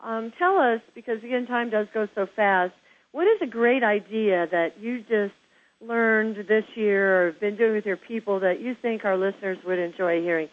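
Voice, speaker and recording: A middle-aged woman from Kansas, USA, who hosts a home-staging show, conducts a casual interview over a tinny phone line. Speaking at a moderate pace with a medium pitch, she gushes with praise and calls her guest "girl."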